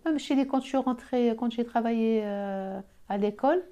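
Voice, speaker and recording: Algerian-accented woman with a mellow voice. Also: on the high side, normal speed, highs cut off. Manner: hesitant, many restarts, firm when making a point. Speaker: podcast guest, host's mother. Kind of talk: personal interview recollection.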